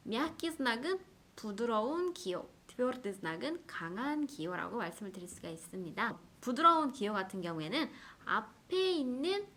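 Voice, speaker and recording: Lively woman teaching with a Russian accent. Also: on the high side. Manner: clear, patient explaining with slow drawn-out examples. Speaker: language teacher. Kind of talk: scripted lesson.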